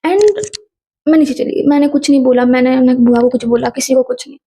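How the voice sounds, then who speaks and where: A young woman telling a personal story in a lively casual vlog, mixing Hindi and English. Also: high voice, a little fast, breathy edge. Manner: animated, mixes Hindi and English, quotes people in dialogue.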